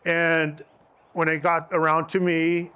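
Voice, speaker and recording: A man's voice: fairly high pitch, monotone, takes it slowly, bright, forceful tone, smooth, highs cut off. A middle-aged man casually telling his engagement story, rambling with fillers and restarts.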